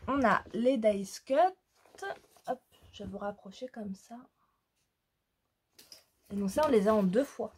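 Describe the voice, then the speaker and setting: A woman chatting casually as she shows off her crafting haul, pausing often and searching for words. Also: mid-range voice, a little hiss or hum. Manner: slow, hesitant, many fillers. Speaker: crafting vlogger. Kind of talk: casual haul show-and-tell.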